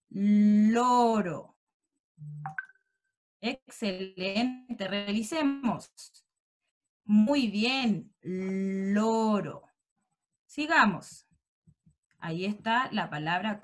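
Woman teacher, slow and patient, coaxing small children through an online lesson. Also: on the high side. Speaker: first-grade teacher. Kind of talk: online class for young children.

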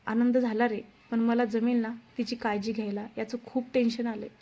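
A woman voicing an excitable, childish young husband who pleads insistently in a storybook reading. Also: on the high side, fairly quick. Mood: pleading. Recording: dull lo-fi sound.

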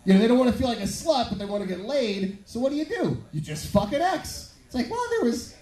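A man's voice: extremely high pitch, expressive, quick pace, darkish tone. A man in his thirties doing conversational, profane stand-up with leering, smutty joking, on a handheld microphone at a small bar. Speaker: stand-up comedian. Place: small bar or club stage at night. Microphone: handheld stage microphone through PA, filmed from the audience. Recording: echoey room recording with audience noise.

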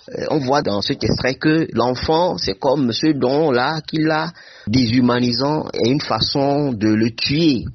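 A husky, fairly low-voiced man talks through a book at a very slow, measured pace. He lays out his ideas one step at a time. The sound is dry and dull, as if from a lo-fi recording. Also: no echo. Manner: measured and explanatory. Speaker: book presenter. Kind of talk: literary discussion.

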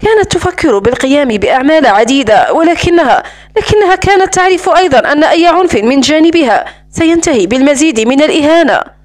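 A woman with a high voice narrates a romance novel for an audiobook. Her reading is steady and even, in a plain storytelling manner. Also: fast.

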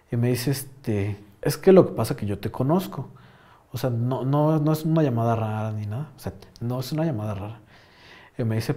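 A man's voice: medium pitch, mellow. A young man with a Mexican accent telling a rambling, slang-filled story in casual chat, full of fillers. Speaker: podcast host.

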